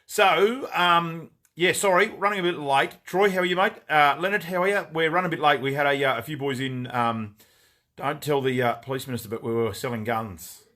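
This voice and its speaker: A man's voice: a little high, brisk, bright, forceful tone. A man with an Australian accent hosting a casual live stream from his shop, greeting viewers by name and rambling through new stock with fillers and jokes.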